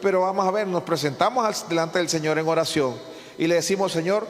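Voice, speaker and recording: A man preaches in a high voice, leaning on rhetorical questions and repetition and often stumbling over his restarts. His sermon rings with a long hall reverb, as if from a church hall. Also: fast talker. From Honduras. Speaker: pastor.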